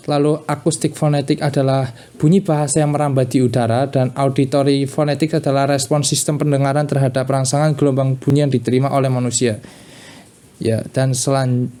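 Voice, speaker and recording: A man's voice: mid-range voice, warm tone. A young man presenting a university class talk, reading plainly and switching between two languages. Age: young adult. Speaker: student presenter.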